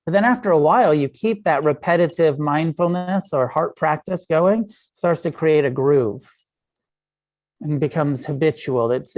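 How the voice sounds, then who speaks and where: A man's voice: a little high, a little mellow. A middle-aged man teaching meditation in a loose, conversational dharma talk. He speaks frankly, swears freely and often stops to restart a sentence. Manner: frank and profane, with frequent fillers and self-restarts.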